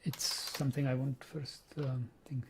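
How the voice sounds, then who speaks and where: With slight background noise, a young man from the Czech Republic chats casually on his programming stream, his Czech accent evident. He speaks in a flat, mid-range voice at a measured pace, repeating words often as he reasons aloud.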